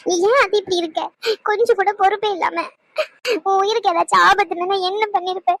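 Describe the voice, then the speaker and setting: A woman voicing a tearful, fiercely devoted young female student who scolds fast while crying in a cartoon. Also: very high-pitched, steady tone, a bit bright, no echo. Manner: scolding, crying, rapid-fire questions. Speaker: voice actor. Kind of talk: cartoon dub acting.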